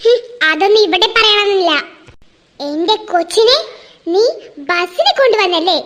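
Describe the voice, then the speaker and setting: A fussy, jealous cartoon mother who dotes on her daughter and snaps at everyone else, as a woman voices her. Her voice sits very high and scolds in sharp bursts. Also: moderate pace. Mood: scolding. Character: doting, sharp-tongued middle-aged mother. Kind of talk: cartoon voice acting.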